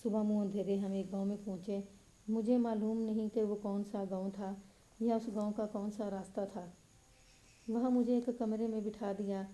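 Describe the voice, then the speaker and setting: Flat-voiced woman reading a story. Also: rough recording. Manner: steady, even reading with little pitch movement. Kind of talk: scripted story narration.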